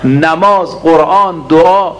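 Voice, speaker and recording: A man with a fairly high voice gives a religious sermon. He chants short Arabic prayer lines slowly, then explains them quickly to the congregation. He keeps asking rhetorical questions to draw the listeners in. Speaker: preacher.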